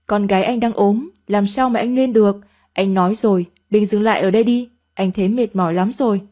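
A woman's voice: mid-range voice, steady tone, fairly quick, dark tone, lightly acted. Woman reading as a weary married man. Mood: irritated.

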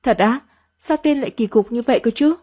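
Brief: a timid, polite young wife in a storybook reading, read by a woman in her own mellow voice. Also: on the high side, brisk, natural voice. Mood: gentle. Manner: soft-spoken, polite.

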